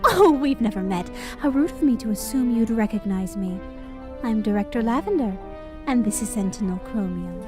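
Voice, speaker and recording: A woman's voice: a little high, animated, normal speed, over music, lightly acted. A woman playing a very tall, imposing director in an audio drama, speaking with polished, excessive courtesy. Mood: gracious. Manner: polished, gracious.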